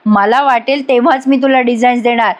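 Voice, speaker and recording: A woman's voice: on the high side, steady tone, brisk, highs cut off, natural voice. A woman voicing a feisty, mischievous young wife. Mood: teasing.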